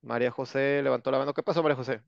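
Man, Mexican accent, teacher, online class, sarcastic and joking, gravelly voice, muffled lo-fi sound. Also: medium pitch, fairly even intonation, rapid-fire, dry recording. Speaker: English teacher. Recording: dull lo-fi sound.

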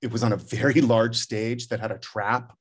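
A middle-aged man, a theater director, rambles reflectively during a casual video call from his living room, restarting often. His medium-pitched voice has a breathy edge, fairly even intonation and normal speed.

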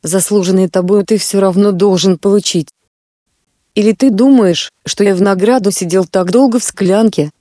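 A woman narrator voices a fairy tale's boastful male spirit, who threatens and then pleads in a menacing mood. Her natural voice is warm and soft rather than bright, mid-range, with fairly even intonation and a normal speed. The recording is dry and close.

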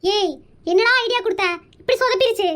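A shrill, nosy cartoon aunt. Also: female voice, fairly quick, a bit bright. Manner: brash, nosy, rambling. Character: pushy chatty married village aunt matchmaker. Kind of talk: cartoon comedy voice acting.

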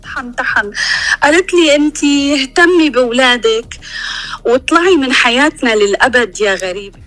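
A woman's voice: high voice, expressive, normal speed, fairly bright tone, faint music behind, low-quality recording. A Syrian-accented woman phone-in guest, crying angrily as she gives an emotional personal account.

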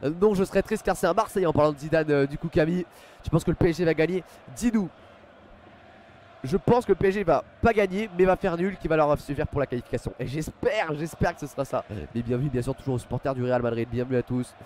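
A man's voice: fairly high pitch, quick pace, darkish tone, a little hiss or hum. A young man hosting a live football stream from home on a headset mic, chatting casually with many fillers and thanking viewers by name. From France. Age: young adult. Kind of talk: live pre-match football commentary and chat reading. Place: small home room at a desk. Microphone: headset microphone.

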